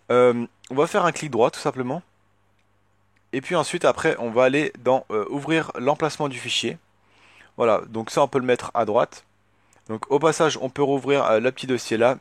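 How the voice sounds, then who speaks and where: A man of middle pitch guides viewers through a computer tutorial in a loose, halting way, often pausing on filler words. His voice sits close and dry on a desktop microphone with no room sound. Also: no echo. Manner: hesitant, many filler words, thinks aloud. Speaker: tutorial youtuber. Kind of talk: casual screen-recorded software tutorial.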